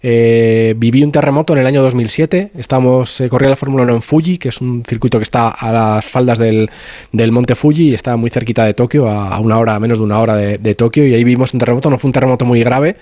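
A man with a Spanish accent reports on Formula 1 in casual radio chat. He talks at a brisk clip, stumbling and repeating words as he goes. His mid-pitched voice sounds dry and close, with no room around it. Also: fairly even intonation, warm tone, dry recording. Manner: quick, restarts and repeats words.

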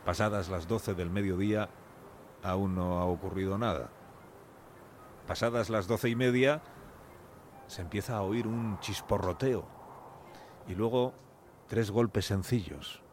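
Speaking in short, suspenseful phrases, a Castilian-accented man delivers a scripted radio story with deliberate drama. His pitch is fairly low, and a little hiss or hum is audible.

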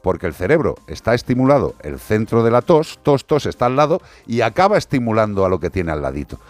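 A low-voiced man from hosts a radio program as its resident veterinarian, his pitch swinging widely as he talks. He explains things in a wry, chatty manner, stretching out his asides. Faint music sits under his voice in the studio. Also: big pitch swings, fast, dry recording. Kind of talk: casual radio chat.

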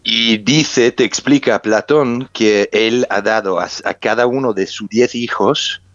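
His voice is lowish and fairly bright, his pace measured, and there's no room sound. The man, a native English speaker with a foreign accent, is an underwater explorer and researcher telling his story as an interview guest, hunting for words and repeating points for emphasis. The recording is muffled, with music behind.

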